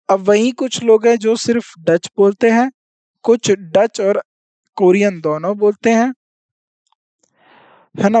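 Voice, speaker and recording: A teacher giving an exam-prep lesson who repeats each point, reads statements out slowly and keeps checking in with the class. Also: mid-range voice, mellow, no echo. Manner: reads out English statements slowly, then explains them in Hindi.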